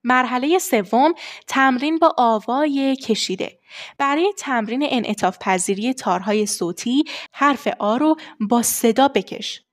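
A young adult woman voice coach giving a lesson on vocal warm-ups, explaining steps and demonstrating the exercises herself. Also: fairly high pitch. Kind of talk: voice training lesson.

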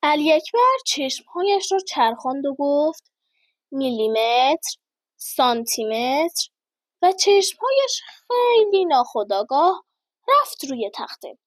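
A woman reading a humorous first-person story aloud, lively and slowing down for the punchlines. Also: sits high, dry recording.

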